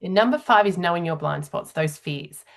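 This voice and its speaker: A woman working as a public speaking coach, explaining conversationally with frequent ums and mid-sentence pauses. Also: fairly low pitch, lively intonation, creaky. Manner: hesitant, filler-heavy, pausing mid-sentence as she explains.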